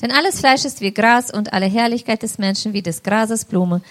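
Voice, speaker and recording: A woman's voice: fairly high pitch, brisk. A woman interpreting a sermon phrase by phrase, right after the preacher speaks. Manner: renders each phrase right after the preacher, steady and clear.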